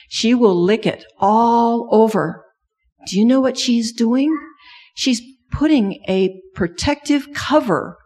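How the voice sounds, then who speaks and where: Speaking in a mid-range, slightly dark voice, this middle-aged native Thai speaker who grew up in Thailand narrates a story for a children's sermon, peppering the kids with questions.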